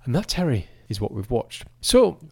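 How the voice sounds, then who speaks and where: A man's voice: medium pitch, very animated, moderate pace, vocal fry, breathy edge, no echo. Guy rambling on a podcast, keeps restarting, dead dry sound. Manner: rambling, chatty, self-interrupting. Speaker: podcast co-host. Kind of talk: casual chat.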